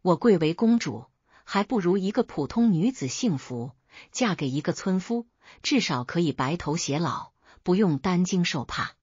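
A woman's voice: on the low side, lively intonation, normal speed, a little mellow, husky, dry recording, muffled recording. A woman voicing a tearful, fearful young princess in a storybook tale, speaking plaintively. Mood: pleading.

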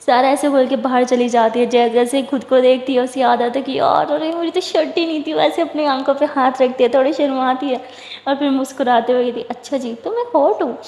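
A woman narrating a dramatic romance story and acting out the characters' lines with shifting pitch. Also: fairly even intonation, a little fast, darkish tone, echoey room, long reverb tail.

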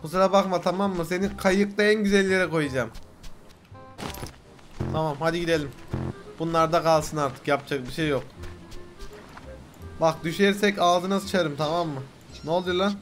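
A young man giving excitable gameplay commentary, loud and swearing often, breaking into yelps and shouts. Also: on the high side, normal speed, pauses often, faint music behind. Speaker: gaming video host.

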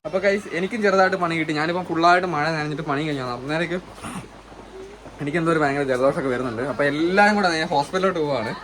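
A man's voice: fairly high pitch, very fast. A man, chatting to camera as a family vlogger at home during heavy rain. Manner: chatty, tells the family news with a laugh. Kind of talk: casual vlog chat to camera. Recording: outdoor mic with loud noise.

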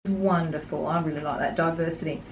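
A woman's voice: low-pitched, steady tone, brisk, slight background noise. An adult woman, chatting on community radio with wry, self-mocking humour. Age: adult, no longer young. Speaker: guest co-presenter. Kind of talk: casual chat. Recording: roomy echo.

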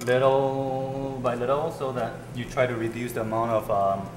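Here a young man from Singapore presents a cooking show, speaking loosely and uncertainly with frequent ums as he works in a spacious indoor kitchen. His medium-pitched voice moves little in pitch and runs at normal speed. A camera some way off captures it with reverb and background noise.

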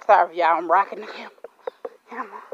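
A woman's voice: mid-range voice, brisk, noisy background. A woman, out of breath while walking a park trail, chatting to her viewers on a handheld phone. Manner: chatty, keeps addressing viewers directly. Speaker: vlogger. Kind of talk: casual workout vlog. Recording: slightly dull phone audio.

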